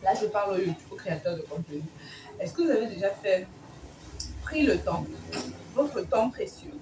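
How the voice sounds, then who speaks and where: A woman's voice: mid-range voice, animated, moderate pace. A young woman from Cameroon chatting to camera in a rambling, self-correcting way. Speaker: vlogger. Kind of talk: casual chat to camera. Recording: echoey room, far from mic, noisy.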